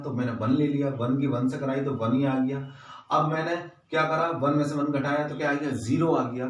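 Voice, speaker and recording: Guy walking through a maths problem slowly, keeps asking and answering himself, sounds a bit off-mic in a roomy echo. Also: mid-range voice, distant mic. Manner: patient, step-by-step explaining with repeated rhetorical questions. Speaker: maths teacher. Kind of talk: exam-paper maths lesson.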